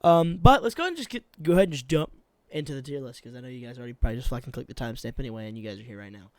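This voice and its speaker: A man's voice: mid-range voice, animated, very fast, no echo. A tired young man co-hosting a casual chat, rambling and swearing with lots of fillers. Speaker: co-host.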